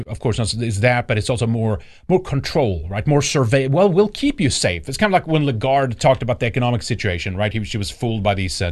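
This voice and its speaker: A man hosting a podcast, giving rambling, sarcastic commentary and often restarting his sentences. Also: mid-range voice. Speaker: podcast host. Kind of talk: casual political commentary.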